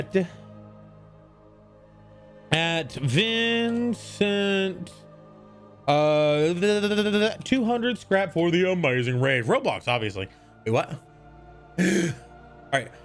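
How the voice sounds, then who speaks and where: A man streaming live, chatting casually and jokily with viewers and greeting them by name. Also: sits high. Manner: animated, jokey, greets chat members by name.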